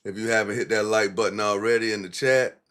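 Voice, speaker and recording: A man's voice: lowish voice, fairly even intonation, fast talker, a bit bright, clean tone. A man hosting a livestream, giving blunt, profane, mocking commentary in casual street talk.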